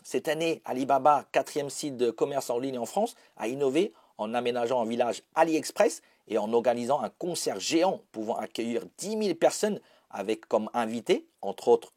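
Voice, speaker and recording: A man's voice: mid-range voice, darkish tone. A man presenting a magazine show segment, explaining words in a playful, teasing way and asking the viewers questions.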